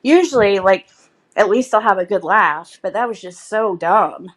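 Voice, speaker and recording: A woman's voice: mid-range voice, moderate pace. A woman chatting casually and bluntly to viewers on a livestream, rambling in a gossipy, sweary way.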